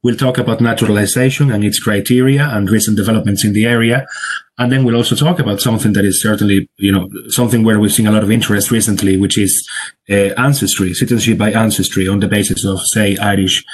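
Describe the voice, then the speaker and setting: A man's voice: fairly low pitch, fairly even intonation, fast talker, a little hiss or hum. A man previewing the next podcast episode, laying out topics methodically. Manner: informative, methodical, uses fillers. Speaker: immigration practice leader, podcast panelist.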